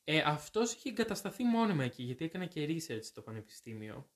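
Chatty young Greek man telling stories. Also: on the high side. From Greece. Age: young adult. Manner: chatty, animated storytelling with self-corrections. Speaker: guest. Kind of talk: casual chat.

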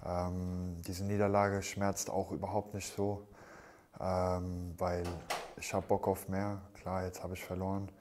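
A man with a broken nose talks in a deep, fairly flat voice. He is a fighter giving a casual interview after a bout, matter-of-fact and somewhat halting as he answers. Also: background noise. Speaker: MMA fighter, interview guest.

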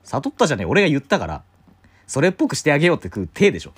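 Man, casual storyteller, rapid-fire delivery, acts out the quoted voices. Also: fairly high pitch, wildly swooping pitch, breathy edge. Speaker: podcast co-host telling a story. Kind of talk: casual chat.

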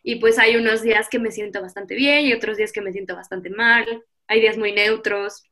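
A woman's voice: mid-range voice, fairly even intonation, normal speed, pushed and bright. A woman in her twenties with a Mexican accent, talking casually as a guest in a podcast interview. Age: 20s. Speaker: podcast guest, visual artist.

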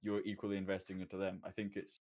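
A man's voice: low-pitched, monotone, fast, darkish tone. A man, a streamer on a panel, giving his view in natural, casual unscripted talk.

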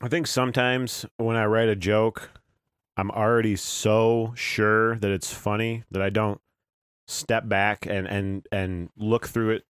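A man's voice: on the low side, flat delivery, unhurried, smooth, no room sound, clean studio sound. A man co-hosting a casual podcast from a couch at home, a comedian who makes wry, self-mocking jokes. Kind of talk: casual chat. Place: home living room couch.

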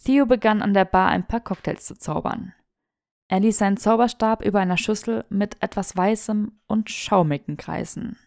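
A woman reading a fan fiction audiobook as the narrator, telling the story in a steady way. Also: medium pitch, moderate pace, creaky, dry recording, studio quality. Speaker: audiobook reader.

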